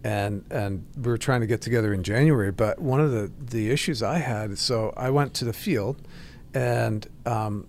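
A man's voice: mid-range voice, moderate pace, darkish tone, a little hiss or hum. A man chatting as a guest, explaining things in an easygoing way. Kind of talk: casual chat.

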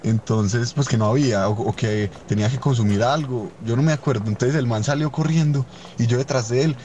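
A young man telling a funny anecdote in a rapid, rambling, amused way. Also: mid-range voice, darkish tone, a little hiss or hum. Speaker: storyteller. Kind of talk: casual anecdote.

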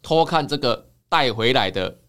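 Bright, animated male storyteller. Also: medium pitch, moderate pace. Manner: lively, dramatic storyteller. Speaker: counseling psychologist guest.

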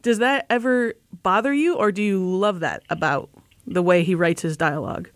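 A woman's voice: on the low side, normal speed, no echo. A woman asking questions as the interviewer in a casual conversation.

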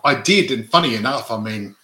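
Male co-host, raised in Adelaide, chatty, self-correcting, bright tone, roomy echo. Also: mid-range voice, lively intonation, fairly quick. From Australia (Adelaide). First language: not English; parents were immigrants. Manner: chatty, tags statements with "right?", many restarts. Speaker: podcast co-host, real estate investor. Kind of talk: casual chat.

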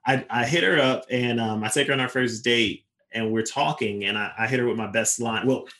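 A young man, a touring basketball player, telling lively anecdotes in a casual interview with quick asides. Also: mid-range voice.

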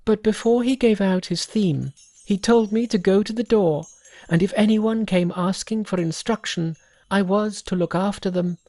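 A storyteller voicing a young fairy boy who keeps a cave door, teasing and brisk. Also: medium pitch, warm tone, dry recording, pitched above the performer's own voice, natural voice. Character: young male fairy boy, cheeky doorkeeper.

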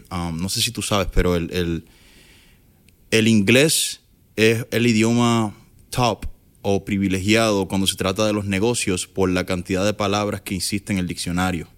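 A fairly low-pitched man in his thirties with a Puerto Rican accent speaks as an interview guest. He talks casually and frankly, slips English words in and restarts his sentences. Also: steady tone, moderate pace. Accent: Puerto Rican Spanish. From Puerto Rico. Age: 30s. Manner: mixes English words, many restarts and fillers. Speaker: guest entrepreneur.

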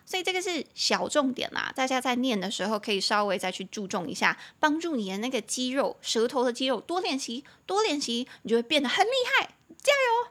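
Bright, lively woman teaching English. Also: on the high side. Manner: lively, spells and repeats words slowly, laughs at herself. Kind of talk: casual language lesson.

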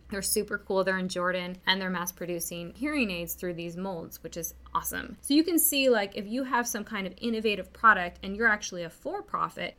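A woman's voice: medium pitch, fairly bright tone. A woman hosting a podcast on grant funding, talking in an upbeat, chatty way with light laughs between points. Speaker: podcast host and grant writing consultant. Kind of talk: casual podcast monologue.

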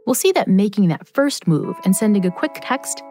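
A woman's voice: mid-range voice, very animated, normal speed, a little mellow, soft background music. A woman hosting a podcast in scripted, explanatory narration. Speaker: podcast host.

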